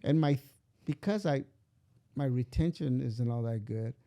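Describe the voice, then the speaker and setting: This father, interviewed casually, is an older man spinning a long, rambling personal tale and performing the dialogue within it. He speaks at a normal speed in a medium-pitched, mellow voice, with the high frequencies cut off.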